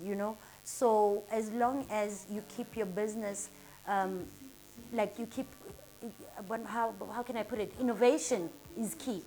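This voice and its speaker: A woman's voice: medium pitch, a little mellow, slight background noise. A woman in her thirties from Durban with a South African accent, a salon owner answering interview questions in an earnest, upbeat and motivational way.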